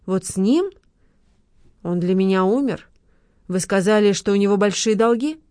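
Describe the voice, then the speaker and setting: A woman voicing a betrayed wife who speaks in a lifeless, quiet, bitter way. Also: mid-range voice, animated, moderate pace, smooth, no echo, clean studio sound, close to an everyday voice. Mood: cold, firm.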